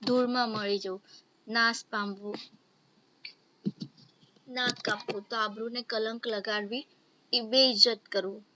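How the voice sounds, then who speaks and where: Woman teacher going through idioms one by one, bit high voice, dull lo-fi sound. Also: sharp tone, a little hiss or hum. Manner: explains each idiom plainly, mixing in English words. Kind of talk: grammar lesson.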